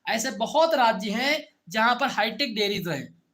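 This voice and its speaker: A man's voice: sits high, expressive, moderate pace, pushed and bright. A man teaching an agriculture class online, talking informally and repeatedly asking his students short check questions. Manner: repetitive call-and-response questioning; informal, addresses students directly.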